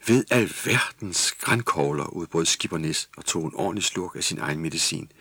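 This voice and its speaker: A man narrating a children's Christmas story in a calm, even reading voice. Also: a bass voice, creaky, breathy edge, no echo.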